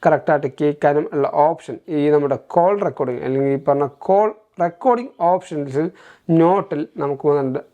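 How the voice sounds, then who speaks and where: A man with a high-pitched, mellow voice and a Malayali accent hosts a tech walkthrough. The narration feels scripted, explaining each step in turn and mixing in English terminology, in the style of a tech reviewer.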